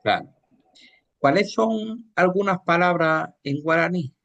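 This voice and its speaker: A man's voice: sits high, slow, fairly bright tone, highs cut off. A male radio host who puts short, direct questions to his guest.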